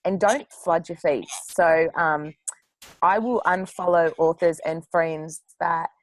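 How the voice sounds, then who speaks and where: A woman's voice: on the low side, fairly even intonation, takes it slowly, dry recording, poor audio. A woman author on a panel discussion who talks bluntly, swears freely and laughs often.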